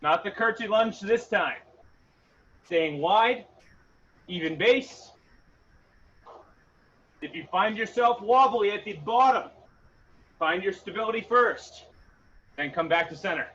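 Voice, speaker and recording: A man's voice: high voice, lively intonation, takes it slowly, pauses often, sharp tone. A man in his thirties coaching a workout, calling out moves and punch combinations in short bursts like a boxing coach. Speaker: fitness coach leading a home HIIT workout. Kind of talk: live exercise instruction with short cues and counts. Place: indoor garage-style gym. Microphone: camera several metres away. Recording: distant mic, muffled, noisy gym.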